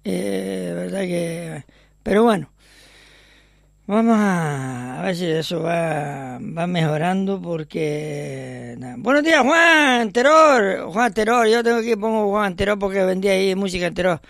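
A man's voice: high-pitched, lively intonation, a little slow, gravelly, fairly bright tone, no echo, studio quality. A man hosting a local radio show in a chatty, rambling way, with joking asides. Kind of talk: casual radio chat.

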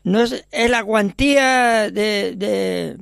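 High, gravelly radio host man. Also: slow, a bit bright, dry recording, clean studio sound. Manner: chatty, rambling, joking asides. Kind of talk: casual radio chat.

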